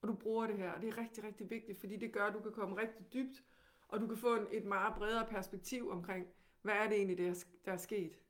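A woman with a Danish accent teaching, who guides calmly and gently with many questions. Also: medium pitch.

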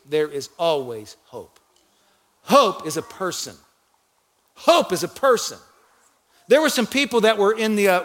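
A male pastor delivering a sermon, swinging from loud calls to quiet, low lines. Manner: preaching with dramatic swings in volume and pitch, shouting the cries.

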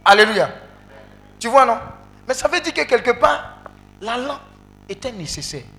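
A male preacher leading an interactive sermon, calling out to the congregation and breaking into loud exclamations. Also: very high-pitched, moderate pace, soft background music. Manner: animated, calls out to the congregation, bursts into loud exclamations. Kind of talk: interactive sermon with call and response.

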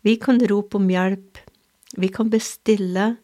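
A woman reading a gospel passage and giving a calm, earnest sermon. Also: mid-range voice. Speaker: preacher.

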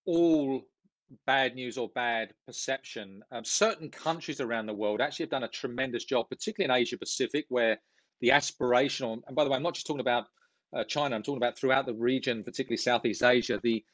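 Middle-aged UK-born man, interview guest, measured earnest delivery, mid pitch, dry close sound. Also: fairly bright tone, no room sound. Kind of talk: business interview.

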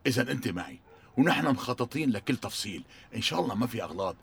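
A man's voice: medium pitch, lively intonation, rapid-fire, creaky, breathy edge, exaggerated voice. An actor with a Levantine Arabic accent playing a determined, commanding man who plans to burn a warehouse. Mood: reassuring. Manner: insistent, commanding.

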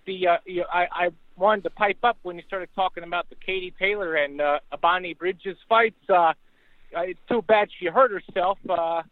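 A man's voice: high-pitched, normal speed, no room sound. A man calling in over a speakerphone, rambling and stammering through restarts. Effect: phone speakerphone. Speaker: caller. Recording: tinny dry phone line.

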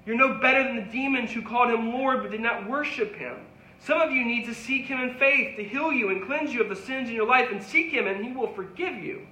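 A man preaching in a high, bright voice, earnest and pleading as he repeats his calls. The sound carries an echoey room around him, with faint ambience underneath. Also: fairly quick. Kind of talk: sermon.

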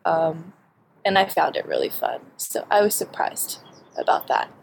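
Young woman w/ a bit of vocal fry, lots of ums, answering an interviewer, slight hiss behind. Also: sits low, huge pitch swings. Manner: halting, many fillers, laughs often. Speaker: bootcamp graduate.

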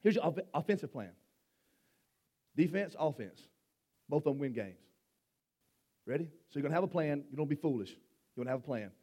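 A middle-aged man preaches, his voice sitting unusually high for a man. He talks in a folksy way, stumbling over repeated words and teasing his congregation. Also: animated, brisk, long pauses, warm tone. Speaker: pastor. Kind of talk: sermon.

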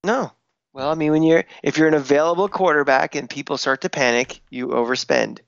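A man co-hosting a casual sports podcast, blunt and opinionated, talking in quick bursts. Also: on the high side, creaky, clear, resonant tone, no room sound, dull audio. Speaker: podcast co-host.

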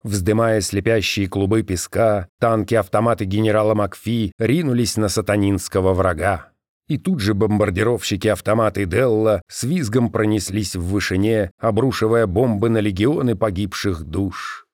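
A man reading an audiobook in a measured, even way. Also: lowish voice, no echo, studio quality. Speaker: narrator.

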